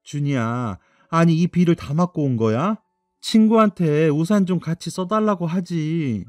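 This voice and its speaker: A man voicing a worried, gentle young mother who coaxes her son in a radio drama. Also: on the high side, expressive, measured pace, no room sound, clean studio sound, faint music behind, pitched above the performer's own voice. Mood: coaxing. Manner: soft, coaxing.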